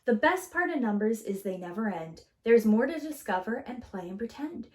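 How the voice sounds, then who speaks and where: A woman with a slightly high voice reads a children's picture book at normal speed. As a preschool teacher, she makes the reading theatrical, expressive and sing-song.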